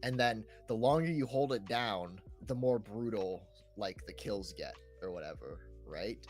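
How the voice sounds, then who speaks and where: A man with a lowish, slightly mellow voice talks at a measured pace as co-host of a gaming podcast. His chat is informal and rambling, dotted with "like", "right" and "you know", accompanied by background music.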